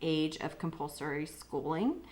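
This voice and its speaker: A woman's voice: sits low, animated, measured pace, darkish tone. A woman co-hosting a casual podcast, agreeing often and adding practical explanations. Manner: agreeable, frequent short affirmations, explains practical details. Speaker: podcast co-host.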